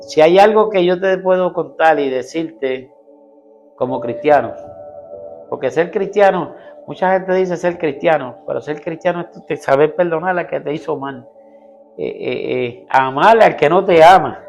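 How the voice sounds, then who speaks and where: A man's voice: a little high, normal speed, darkish tone, lo-fi sound, soft background music. A man, a pastor, telling his personal testimony in an interview, earnestly, acting out what people said to him. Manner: earnest storytelling, acting out quoted dialogue.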